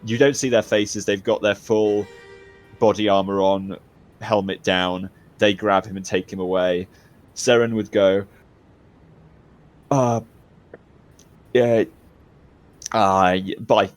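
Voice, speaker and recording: A man narrating a tabletop role-playing game as game master, in a loose, halting way with restarts. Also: lowish voice, little pitch movement.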